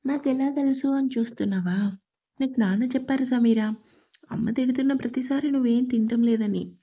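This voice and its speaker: A woman's voice: on the high side, a little fast, warm tone, breathy edge, muffled recording. A woman narrating a family drama story, reading every character's lines in her own voice.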